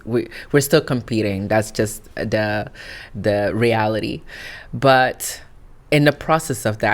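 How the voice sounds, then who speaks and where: A woman from Italy, giving reflective, encouraging interview answers in an earnest way. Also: very deep voice. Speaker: interview guest, founder.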